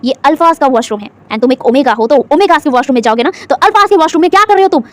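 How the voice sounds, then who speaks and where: A woman's voice: high voice, lively intonation, rapid-fire. A woman voicing a tall, reserved young man who speaks curtly and with restraint. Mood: stern.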